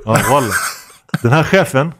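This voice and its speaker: A man in his fifties, a guest imam, telling lively stories with laughter and Arabic phrases sprinkled in. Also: mid-range voice, slight background noise. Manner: animated anecdotes with laughter, Arabic phrases mixed in. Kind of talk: podcast interview storytelling.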